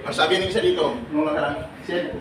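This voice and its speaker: A man addressing a group of workers with lively, animated delivery, laughing often and firing questions at his audience. His voice sits at a middle pitch and comes from some way off the mic. The room is very echoey and there is steady background noise. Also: normal speed, recorded from a distance. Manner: animated, laughing, asks the listeners direct questions. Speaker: OFW advocate speaking to a group of workers. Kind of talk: lively talk to a live group.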